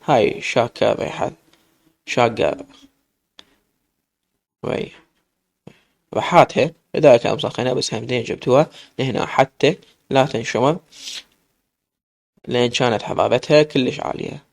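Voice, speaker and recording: A man reading as a calm Iraqi doctor. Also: mid-range voice, normal speed, vocal fry, long pauses. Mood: reassuring. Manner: reassuring. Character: calm reassuring male doctor.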